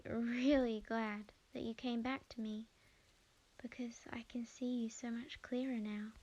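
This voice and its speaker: An ASMR audio roleplay performer, a woman with an Australian accent, plays a young witch in love in a romance roleplay. Her fairly high voice is softly intimate, earnest and tender, full of hesitations, with phrases that sink toward a whisper. The recording is muffled.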